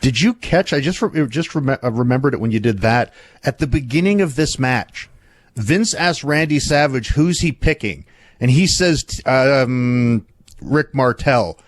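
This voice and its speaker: A man's voice: medium pitch, animated, measured pace, no room sound. A man in a casual podcast chat who explains background and recalls details.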